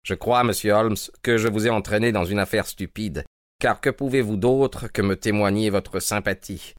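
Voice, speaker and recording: A man's voice: on the low side, fairly even intonation, moderate pace, dry recording, clean studio sound, pitched above the performer's own voice, close to an everyday voice. A man voicing an anxious middle-aged father who pleads urgently, in an audiobook. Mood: pleading. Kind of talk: audiobook character reading.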